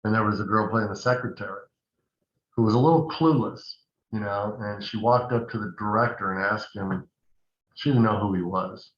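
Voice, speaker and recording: A man's voice: fairly low pitch, moderate pace, slight background noise. An older man, an actor and acting coach, telling rambling anecdotes in a casual interview over the phone. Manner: rambling, anecdotal, many asides. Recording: echoey dull phone line.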